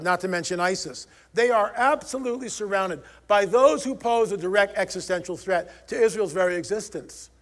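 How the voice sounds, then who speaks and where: A man giving a conference talk in an emphatic manner, pushing up to urgent peaks. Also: high voice. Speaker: conference speaker. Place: conference hall.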